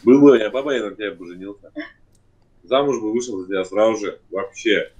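A man praising loudly and enthusiastically on a video call, heard from a distance over a webcam. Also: lowish voice, a little fast, highs cut off, a little hiss or hum. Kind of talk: casual video chat.

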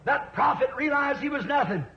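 A man's voice: very high-pitched, lively intonation, normal speed, gravelly. A man preaching fervently, rising at times to cries, on an old sermon recording. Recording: echoey dull archive tape.

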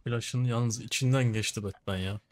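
A young man hosting a casual co-op gameplay session, bantering in slangy, relaxed talk with a friend. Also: medium pitch, moderate pace. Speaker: gaming channel host.

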